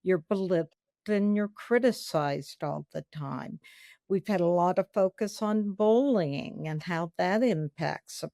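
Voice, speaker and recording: A woman with a Southern US accent, a guest expert on a podcast, explaining things in a measured way. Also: low-pitched, darkish tone, dry recording, studio quality. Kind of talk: podcast interview.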